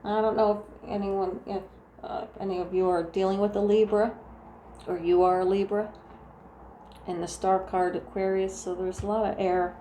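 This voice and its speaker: A tarot reader with a New Jersey accent talks casually to camera through a reading, her voice soft, mellow and dark-toned at medium pitch with little pitch movement and a moderate pace. She meanders, restarting often and saying "like" a lot, in an echoey room with a faint ambient hum.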